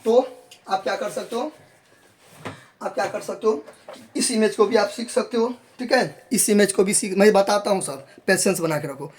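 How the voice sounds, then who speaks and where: A man's voice: sits high, normal speed, long pauses. A man teaches biology in a classroom style. He repeats each point and answers his own questions. He coaxes the students along as he shows them a real leaf. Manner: calls students "babu log" in a coaxing tone.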